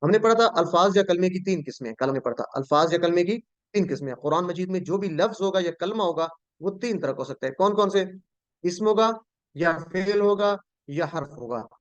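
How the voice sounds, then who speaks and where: A man's voice: high voice, lively intonation, brisk, no echo. A male teacher leads an online Arabic grammar class. He speaks patiently, repeats key words and asks his students questions. The sound is dull and dry, as if from a computer microphone on a video call.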